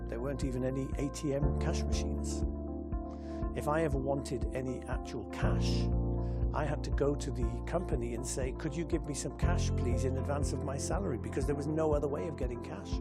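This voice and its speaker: Man, interviewee, reflective and measured, loud music bed underneath. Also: mid-range voice. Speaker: retail executive interviewee. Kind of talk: documentary interview.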